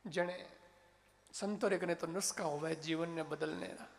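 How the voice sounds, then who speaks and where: A man with a Rajasthani accent telling a devotional story in an animated, dramatic way. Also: on the high side, measured pace, vocal fry. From Rajasthan, India. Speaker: religious storyteller. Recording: reverberant hall, faint noise.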